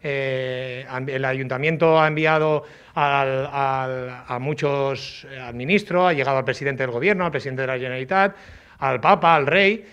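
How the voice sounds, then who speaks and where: An artisan potter from Agost, Alicante province, has a mid-range, somewhat bright, clear and resonant voice with a southeastern Spanish accent. Interviewed indoors at an old pottery workshop and brick kiln, he explains in an informal, halting way, repeating words and adding tag questions. His face mask muffles him slightly, and a handheld reporter's microphone captures the audio.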